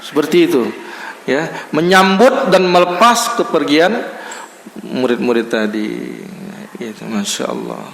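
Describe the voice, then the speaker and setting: A man giving a casual mosque lecture, chatty and acting out small scenes with lively voices. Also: mid-range voice. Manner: conversational, acts out little scenes with lively voices. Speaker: ustaz giving a monthly study lecture. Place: mosque hall. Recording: echoey hall with long reverb.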